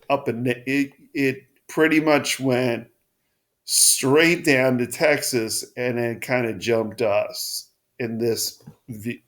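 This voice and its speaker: A man with a mid-range, froggy, hoarse voice gives a casual weather forecast over a map. He speaks haltingly, restarting often.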